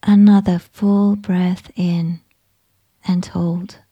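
A woman whispering a slow, soothing guided meditation with gentle instructions. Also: on the low side, flat delivery, breathy edge, muffled recording.

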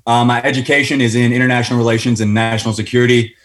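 A man's voice: medium pitch, little pitch movement, rapid-fire, a bit bright. A man from North Carolina calling in to a show, laying out his background in an eager, casual way before asking a long question. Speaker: caller to a call-in fitness show. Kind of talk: call-in question, casual and detailed.

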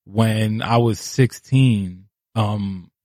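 A man in his thirties from New City, a guest artist telling his story, animated and acting out quoted voices. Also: lowish voice, drawn-out words, no room sound. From New York City. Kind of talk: casual interview storytelling. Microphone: podcast studio mic.

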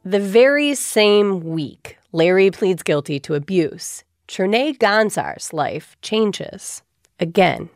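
A woman podcast host giving scripted narration in a measured, explanatory way. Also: mid-range voice, expressive, dry recording, studio quality, faint music behind.

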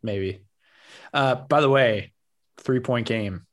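A man's voice: mid-range voice, slow. Rambling, chatty male podcast co-host. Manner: rambling, self-questioning, laughs easily. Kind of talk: casual sports chat.

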